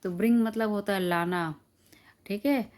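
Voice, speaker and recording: धीरे-धीरे शब्द दोहराती हुई एक शिक्षिका. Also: female voice, medium pitch, darkish tone. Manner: repeats each word slowly, patient classroom explaining. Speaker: teacher. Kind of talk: explaining word meanings to children.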